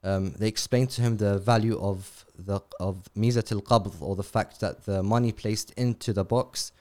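A man with a lowish voice, interviewed as a charity representative. He explains things in a measured, patient way and tends to wander off on tangents. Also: fairly even intonation, darkish tone. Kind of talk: conversational interview.

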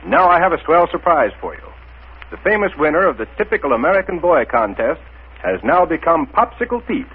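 A man's voice: fairly high pitch, sing-song, brisk, breathy edge. A man speaking as an old-time radio announcer, theatrical and salesman-like, on a muffled 1930s radio recording.

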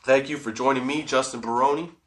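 A man's voice: mid-range voice, steady tone, fast talker, fairly bright tone, a little hiss or hum. A man hosting a casual, comedic solo podcast, stoned and rambling, giggly, drawing out the odd word. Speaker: podcast host.

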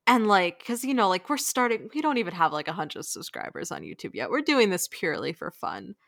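A woman's voice: mid-range voice, sing-song, brisk, vocal fry, a bit bright, dry recording, studio quality. A young woman co-hosting a casual podcast, rambling with lots of filler words and frequent giggles. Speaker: podcast co-host.

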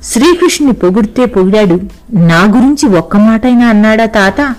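A woman voicing a proud young male warrior prince who is quick to take offence in a storybook reading. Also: on the high side, lively intonation, a little mellow, lightly acted, low-quality recording. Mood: indignant. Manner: boastful then humbled.

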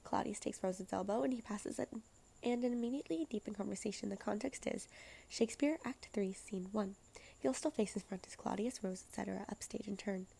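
Soft-voiced woman reading stage directions. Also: mid-range voice, a little fast, creaky, husky. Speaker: reader. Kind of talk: reading a play script aloud.

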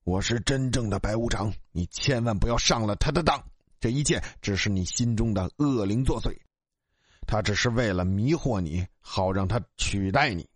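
A man's voice: on the low side, moderate pace, no room sound, studio quality, voice pushed down, close to an everyday voice. A man voicing a guardian spirit of the underworld who urgently warns the driver not to be fooled. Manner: urgent, earnest warning.

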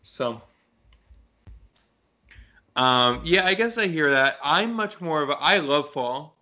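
A man's voice: a little high, lively intonation, slow, pushed and bright. A man co-hosting a podcast, chatting informally and restarting mid-thought as he talks. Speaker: podcast co-host. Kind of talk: casual podcast chat.

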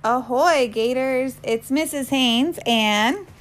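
An upbeat woman teacher reads the morning announcements for a school. Her voice sits a little high and stays cheerful from line to line. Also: slow.

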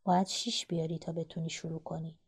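A woman's voice: sits low, flat delivery, breathy edge. A woman reading the part of a bossy young boy who scolds his little sister at a board game. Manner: scolding, impatient. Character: bossy impatient young boy, older brother.

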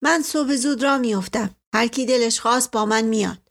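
A practical young village man, as a woman reading puts him on. He is decisive and plain-spoken, in a raised, gravelly voice. It is a storybook reading. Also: a little high.

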